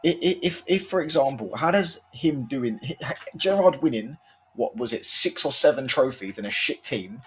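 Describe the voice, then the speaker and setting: A man in a heated casual debate, arguing forcefully and repeating himself to take the floor. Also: medium pitch, animated, moderate pace. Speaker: stream panelist.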